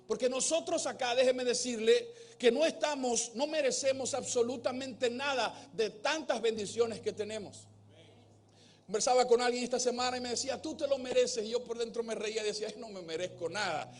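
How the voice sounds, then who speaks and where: High-voiced man preaching a sermon. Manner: preaching with rising emphatic peaks and soft low asides. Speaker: pastor. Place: church.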